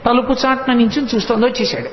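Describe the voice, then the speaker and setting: Male preacher with a high voice telling sacred stories in a lively way, recorded in a long-reverb hall with faint noise. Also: quick pace. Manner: lively storyteller, acts out voices and chants verses. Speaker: spiritual discourse speaker. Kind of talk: devotional storytelling sermon. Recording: echoey hall, muffled lo-fi sound.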